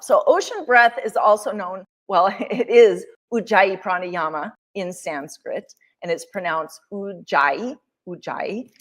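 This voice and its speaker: A middle-aged woman teaching a yoga breathing and meditation class online in a gentle, soothing instructional way. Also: mid-range voice. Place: small decorated indoor room.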